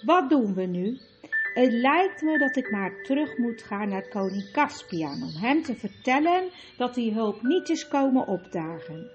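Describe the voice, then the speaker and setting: A fussy, stammering dwarf who hems and haws before getting to the point, as a woman reads him. The voice sits fairly high and the recording sounds dull and lo-fi, with faint music underneath. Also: very animated, measured pace. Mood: hesitant. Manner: hesitant, stammering, apologetic. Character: fussy hesitant male dwarf.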